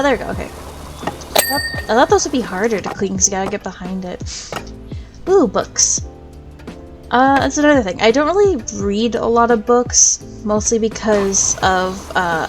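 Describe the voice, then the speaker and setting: A woman's voice: medium pitch, poor audio. Chatty woman rambling over gameplay. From United States. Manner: rambling and chatty, drifts between topics. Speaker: VTuber gaming streamer. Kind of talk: casual chat over gameplay. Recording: game music clearly underneath. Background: video game music.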